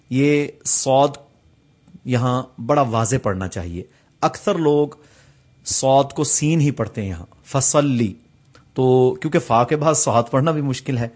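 A man, teaching tajweed, who slowly draws out each recited word and patiently explains common mistakes between the phrases. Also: medium pitch. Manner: slow, drawn-out recitation of each word, repeated for practice.

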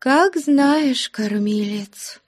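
A woman voicing a lamenting older peasant mother who wails in a high, sing-song voice. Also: lively intonation, drawn-out words, exaggerated voice. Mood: meek. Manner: wailing lament, high-pitched.

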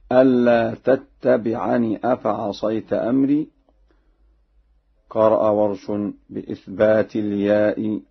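A man teaching Quran recitation variants in a measured, formal way, breaking into melodic chanting for each example, on a dull lo-fi radio broadcast. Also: lowish voice, gravelly, slightly rough.

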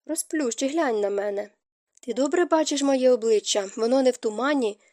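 A woman's voice: high voice, normal speed, darkish tone, no room sound, clean studio sound, close to an everyday voice. Woman reading an urgent, stern young nobleman. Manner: urgent, insistent, scolding.

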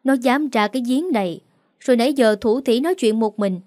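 A woman doing a shrill, whining second wife. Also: brisk, dry recording, clean studio sound, lightly acted. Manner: loud, whining and accusing. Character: shrill scheming second wife of a rich household.

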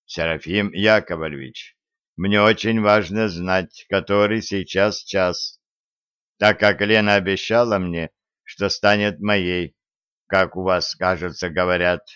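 Man playing eerie alien stranger, slow, quiet, low, measured, dry dull audiobook recording. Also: steady tone, clear, resonant tone, no echo. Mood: calm. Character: cold, eerie male visitor from space.

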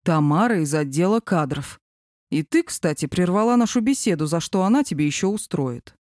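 A woman voicing a smug, teasing male boss in an audiobook, mocking and self-assured, in a dark, mellow voice. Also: on the low side, animated, normal speed, dry recording, studio quality, natural voice. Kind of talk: audiobook character reading.

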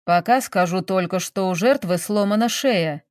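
Чтица в роли усталого судмедэксперта. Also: female voice, mid-range voice, normal speed, a little mellow, no echo, studio quality, close to an everyday voice. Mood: dismissive. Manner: dismissive. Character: weary, matter-of-fact male forensic expert.

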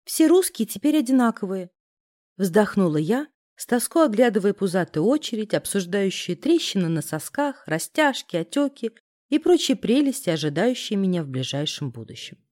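A woman's voice: mid-range voice, sing-song, normal speed, darkish tone. Woman narrating a wry audiobook. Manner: wry, first-person storytelling.

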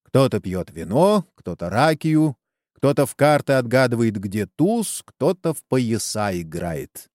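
A man narrating a story in an expressive storytelling manner, as an audiobook. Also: medium pitch, measured pace, dry recording, clean studio sound.

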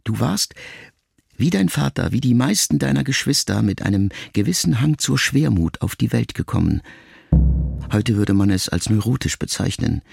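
Reading a literary letter for an audiobook, this male narrator takes a slow, solemn, reflective approach, leaving long pauses. His voice sits on the low side, creaky and husky with a touch of mellowness.

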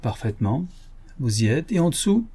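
A man reading an audiobook, voicing an angry, gruff poultry dealer. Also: medium pitch, very animated, moderate pace, dark tone, voice pushed up. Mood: brusque. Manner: gruff, blustering.

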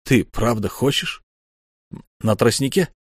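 A man doing a stern warrior husband, torn up inside, his words low, subdued and heavy. Middling pitch, set in a dry, close recording. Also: expressive, slow, slightly rough, no room sound. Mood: grim. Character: brooding male alien warrior husband, tormented, stern.

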